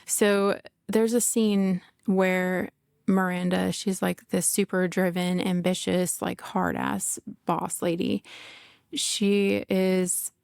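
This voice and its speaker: A woman's voice: lowish voice, flat delivery, takes it slowly, creaky, a little mellow, dry recording, studio quality. A middle-aged woman hosting a podcast in casual solo talk, candid and emotional, laughing often and swearing, full of "like" fillers. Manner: emotional, confessional. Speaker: podcast host.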